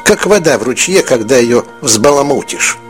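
A man's voice: mid-range voice, animated, moderate pace, faint music behind, natural voice. A man voicing an eager, frightened young boy who speaks breathlessly. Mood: excited.

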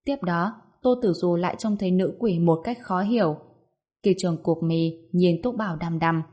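A woman reading a serialized story aloud as its storyteller. Her delivery is measured and even, with a low-set voice. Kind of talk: scripted story narration.

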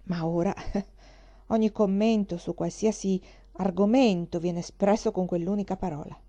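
A woman reading the part of a witty young gentleman who teases playfully and ironically. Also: medium pitch, fairly even intonation, unhurried, lightly acted. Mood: teasing.

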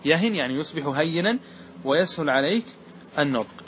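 A man teaching grammar, asking the class questions and slowing down to stress key words. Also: on the high side, expressive, fairly bright tone, a little hiss or hum. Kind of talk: classroom lesson explaining verse.

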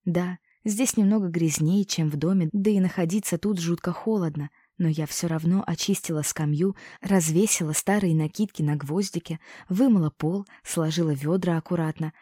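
A woman's voice: lowish voice, moderate pace, hardly any pauses, mellow, husky, no room sound, studio quality. A woman narrating a first-person story as an audiobook, telling it expressively and voicing the characters.

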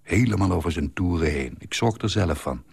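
A man reading a short story aloud in a calm, measured, wry way. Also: sits low, creaky, breathy edge, no echo.

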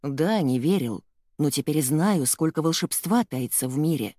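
A woman reading an audiobook, voicing an impatient young boy who speaks in a pleading, excited way. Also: low-pitched, normal speed, dry recording. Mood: regretful. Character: lost boy stuck young, eager and impatient.

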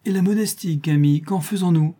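A man's voice: on the high side, a little fast, mellow, husky, pitched above the performer's own voice. A man voicing a cheerful, teasing young mother in a raised, playful tone.

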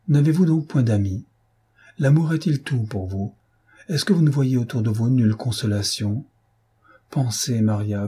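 A male reader voicing a composed elder sister in an audiobook, speaking in a measured, consoling way. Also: medium pitch, mellow, breathy edge, lightly acted.

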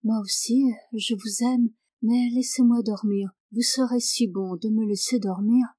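A woman's voice: a little high, steady tone, a little slow, no echo. A woman voicing a shy, tired young bride. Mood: pleading. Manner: soft pleading.

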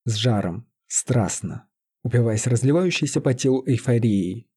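A male narrator reads a fantasy story in a steady, even way. His voice is mellow and dark in tone, with a husky edge. The pitch sits in the middle of a man's range. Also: normal speed. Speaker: audiobook narrator.

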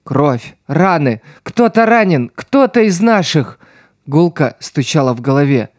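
A man narrating an audiobook in a slow, measured manner. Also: fairly high pitch, sing-song, darkish tone, no echo, clean studio sound. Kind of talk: scripted narration.

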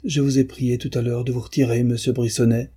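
A man's voice: mid-range voice, flat delivery, fairly quick, warm tone, husky, pitched above the performer's own voice, close to an everyday voice. A man reading an audiobook, voicing a young married woman who is dignified and commanding while shaken with emotion.

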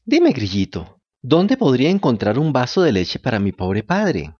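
A man's voice: huge pitch swings, normal speed, slightly rough, dull audio. A man voicing an eager wooden puppet boy who pleads and gets tearful, in a storybook reading. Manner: high, bright and pleading.

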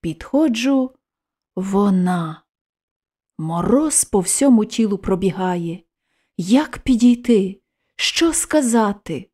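A woman narrating a literary story in a slow, measured, expressive reading. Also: medium pitch. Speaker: audiobook narrator.

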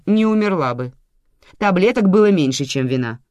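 A woman voicing a calm, matter-of-fact grandmother in an audiobook, placating and dismissive. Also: fairly low pitch, moderate pace, dry recording, dull audio, voice pushed up, lightly acted. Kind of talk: audiobook reading.

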